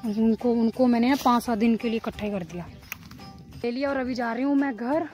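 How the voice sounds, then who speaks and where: Soft background music accompanies this daily vlog from Himachal Pradesh, India, where a young woman walks through fields and her home chatting to viewers in a playful way. Her voice sits on the high side, brisk and a little mellow, captured on a handheld phone.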